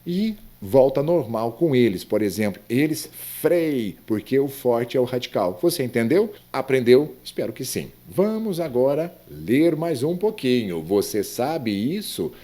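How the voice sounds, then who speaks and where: A man's voice: mid-range voice, sing-song, measured pace, hardly any pauses, mellow. A man with a Brazilian accent giving a grammar lesson, quizzing the viewer and explaining each answer. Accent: Brazilian Portuguese. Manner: questions and quizzes the viewer, rising and falling emphatically. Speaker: Portuguese grammar teacher.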